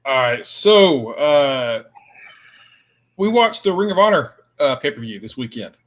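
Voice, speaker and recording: A man co-hosts a wrestling fan podcast in a casual, playful way. His voice is high and bright, and his intonation swings in a very animated way. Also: unhurried. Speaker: podcast co-host and producer.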